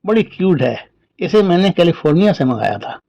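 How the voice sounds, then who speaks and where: A man's voice: on the high side, very animated, fairly quick, vocal fry, warm tone, no room sound, dull audio. A man voicing a pampered middle-aged woman who dotes on her cats and whines about her illnesses, speaking in a coaxing, doting way. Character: pampered middle-aged woman, whiny hypochondriac cat lover.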